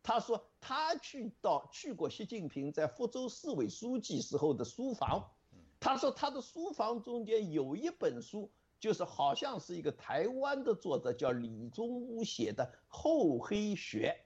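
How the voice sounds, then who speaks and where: A man's voice: high voice, big pitch swings, a little slow, darkish tone, husky, lo-fi sound. A man giving commentary as an interviewed scholar, talking in a musing way with fillers.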